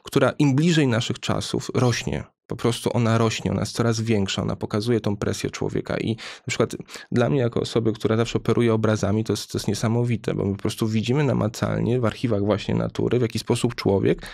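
A man's voice: lowish voice, steady tone, fast, vocal fry, darkish tone, no room sound. A man, a guest researcher, explaining at length and frankly in a conversational studio interview.

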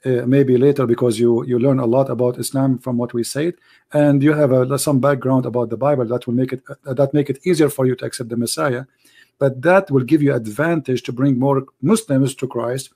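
A man's voice: medium pitch, fairly even intonation, fairly quick, dark tone, husky. A man hosting a live call-in religious debate, preaching with passion in broken grammar while losing his voice. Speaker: call-in show host.

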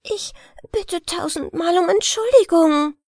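A woman voicing a small, eager dwarf princess in a storybook, high and sweetly pleading. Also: big pitch swings, a little slow, a little mellow, no echo, studio quality, full character voice. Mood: apologetic.

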